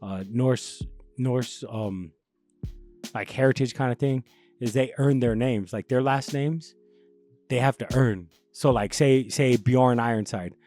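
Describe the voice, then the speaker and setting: A man's voice: medium pitch, a little slow, a little mellow, faint music behind. Rambling, swearing young man. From Los Angeles area. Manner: rambling, swears freely, many restarts. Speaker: podcast host. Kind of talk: casual chat.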